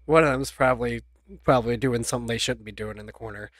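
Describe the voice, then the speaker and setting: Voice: medium pitch, a little fast, dry recording, clean studio sound. A game master narrating a tabletop role-playing game in a casual chat, laughing often between lines. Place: home streaming setup.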